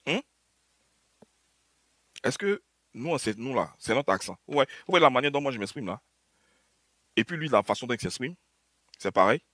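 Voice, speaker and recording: A man's voice: mid-range voice, very animated, moderate pace, long pauses, fairly bright tone, dry recording. Man, Ivorian French accent, mocking rhetorical commentary, frequent restarts, dry close sound. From Côte d'Ivoire. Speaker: online political commentator. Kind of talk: heated political commentary to viewers. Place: abroad, in a developed country.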